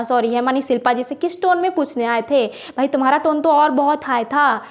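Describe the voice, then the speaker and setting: Female show reviewer, high voice, indignant ranting delivery. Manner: indignant, ranting, mixes English words. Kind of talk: casual video commentary.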